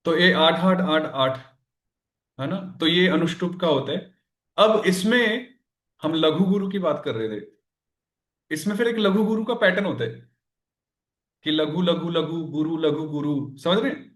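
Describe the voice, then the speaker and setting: A man teaching a Sanskrit grammar class, explaining slowly and counting syllables aloud, switching between Hindi and English terms. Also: high voice, expressive, a bit bright, roomy sound. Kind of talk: online class lecture.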